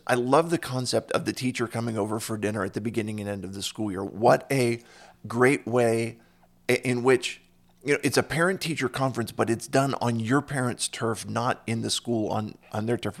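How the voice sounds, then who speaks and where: A man with a gravelly, creaky voice at a middle pitch, chatting casually as an interview host. He tells personal stories and lifts his voice when he quotes other people. He sounds like he is talking through a conversation rather than reading from a script. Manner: storytelling, animated when quoting people.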